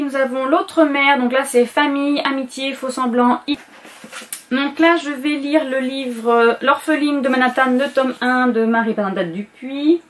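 A woman's voice: high-pitched, slight background noise. A woman book vlogger in a casual chat to camera, going through her reading list and often hesitating and correcting herself.

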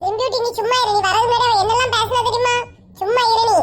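A woman's voice: very high-pitched, steady tone, fast, fairly bright tone. A woman playing a bossy young husband. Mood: taunting. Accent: Kanyakumari Tamil. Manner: bossy, taunting. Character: hot-tempered young husband.

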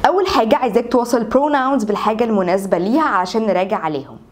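A young woman with an Egyptian Arabic accent teaching a beginner English lesson, saying example sentences slowly and repeating them for learners to copy. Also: a little high. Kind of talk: online language lesson.

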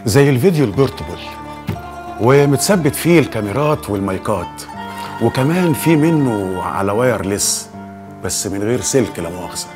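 Brief: actor as an Egyptian gadget dealer, fawning patter, music under it. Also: male voice, mid-range voice, sing-song, brisk, close to an everyday voice. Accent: Egyptian Arabic. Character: eager male electronics dealer.

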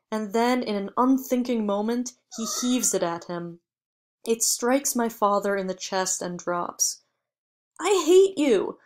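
A woman narrating a short story as an audiobook reader. She reads slowly and evenly, with measured phrasing. Her voice sits at a middle pitch. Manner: measured, even first-person storytelling.

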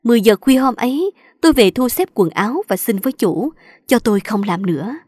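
A woman narrating a short story in a measured, scripted reading as channel host. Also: a little high, expressive, a little mellow, dry recording, clean studio sound.

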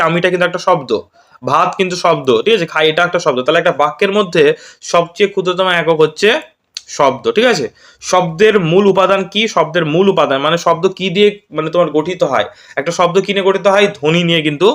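A man's voice: high-pitched, a bit bright. A male teacher from West Bengal giving an exam-prep grammar lesson, constantly checking with "right?" after each point. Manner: repeats "ঠিক আছে?" after each point, quizzing students.

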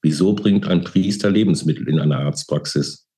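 Fields: Figure: gruff secret-police sergeant read by a man. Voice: low, dark. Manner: curt, harsh. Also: moderate pace. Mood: suspicious. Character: gruff Gestapo sergeant, blunt and menacing.

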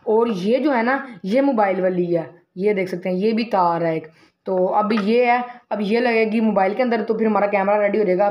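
A man, chatting to viewers in a casual unboxing and mic-test vlog. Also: high voice. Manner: chatty, talks straight to viewers, many fillers. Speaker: vlogger.

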